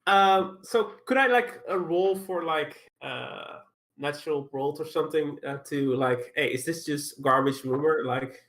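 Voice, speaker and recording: A man's voice: fairly high pitch, unhurried, a bit bright. Rambling man at the game table. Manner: rambling, full of "like" and "uh". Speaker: player. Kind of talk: tabletop role-play chat.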